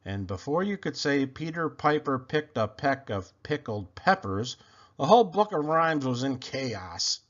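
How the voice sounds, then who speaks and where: A man reads a children's picture book aloud, telling the story expressively. His pitch is medium and his pace a little slow. The recording sounds dull and lo-fi.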